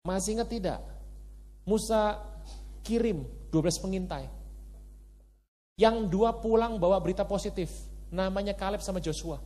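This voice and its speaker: A man's voice: high-pitched, darkish tone, long reverb tail. A man preaching a sermon in a church, talking animatedly and conversationally and putting rhetorical questions to the congregation. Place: church hall.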